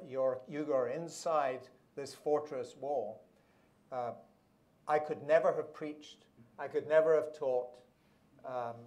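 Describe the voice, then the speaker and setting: Malaysian-born man, pastor at a panel, mid-pitched voice, measured and reflective, restarts often. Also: a little mellow. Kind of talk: panel discussion remarks.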